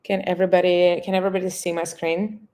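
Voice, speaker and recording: Low-voiced woman presenting. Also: little pitch movement, fast, mellow. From Russia. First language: Russian. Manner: earnest, with frequent "uh" fillers. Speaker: events marketer presenting. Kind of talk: webinar presentation.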